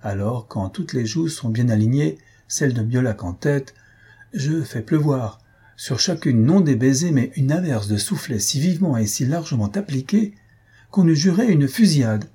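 A man voicing Minella, a bold and merry sixteen-year-old girl, in a lively storytelling manner with a very husky voice. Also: mid-range voice, normal speed, voice pushed up.

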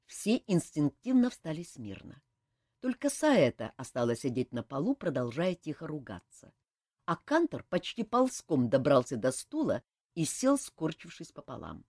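A woman narrating an audiobook with a lively, dramatic reading. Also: low voice, moderate pace, husky, no room sound, clean studio sound.

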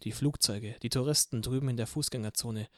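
A man reading an audiobook, voicing a young male band member who murmurs quietly during a silent protest. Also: medium pitch, a little fast, no echo, clean studio sound, natural voice. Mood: hushed. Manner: hushed, murmured. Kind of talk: audiobook character voice.

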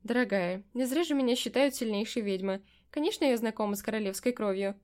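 Reading an audiobook in a fairly high, fast, slightly mellow natural voice, a woman voices a sly, playful, powerful witch. The witch speaks in a coaxing, teasing way and sounds mock-surprised.

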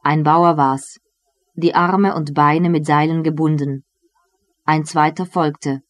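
A reader narrates a novel in a measured, deliberate way. The pace is slow and even. The recording is dry, with no room sound. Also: medium pitch, no room sound. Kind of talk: literary audiobook reading.

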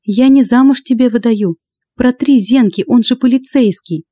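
A woman's voice: on the high side, moderate pace, dark tone, dry recording, voice pushed up, close to an everyday voice. Woman voicing Lada, fierce scheming girlfriend. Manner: fierce, hissing. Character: young woman, sharp-tongued friend, scheming.

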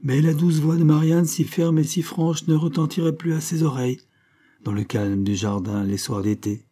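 A man reading a classic novel aloud as an audiobook narrator, in measured, steady storytelling. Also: fairly high pitch. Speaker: audiobook reader.

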